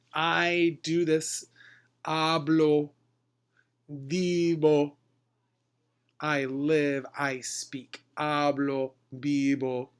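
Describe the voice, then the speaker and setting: A man giving a casual language lesson, modeling short phrases slowly and switching between two languages. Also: on the high side, clean tone. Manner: slow, deliberate modeling of phrases, switching between Spanish and English. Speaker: Spanish teacher.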